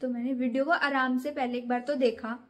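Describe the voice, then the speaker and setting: A woman's voice: sits high, little pitch movement, a little fast. A young woman vlogger chatting casually to camera, rambling through a scary story from her own nights.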